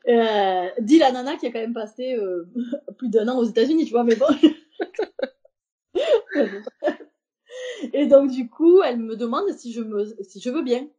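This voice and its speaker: Femme invitée à la voix douce et chaude. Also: female voice, on the high side, animated, unhurried, long pauses, warm tone. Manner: hesitant, many fillers and restarts. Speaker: podcast guest, embroiderer. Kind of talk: casual interview talk.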